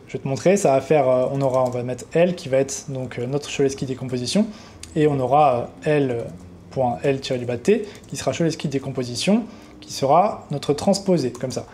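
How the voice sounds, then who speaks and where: A man's voice: medium pitch, dark tone. A young man giving an unscripted coding tutorial, talking casually to the viewer and rambling a little as he works. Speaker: trading educator.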